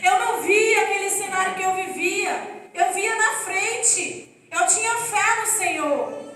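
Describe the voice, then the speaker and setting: A woman's voice: very high voice, slow pace, bright, forceful tone, slight background noise. A woman giving an earnest, emotional personal testimony to a church congregation. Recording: echoey hall, distant mic, faint music.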